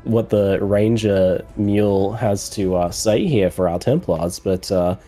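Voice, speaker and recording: Man commentating a video game race, scratchy voice from a cold, low and mellow tone, faint music underneath. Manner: analytical, measured explaining with fillers. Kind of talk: esports commentary.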